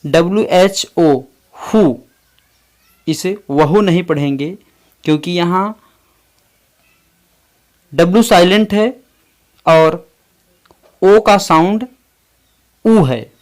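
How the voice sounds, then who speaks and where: A man teaching English pronunciation, spelling out words letter by letter in a slow, deliberate way. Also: high-pitched, darkish tone. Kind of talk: explaining English pronunciation in Hindi.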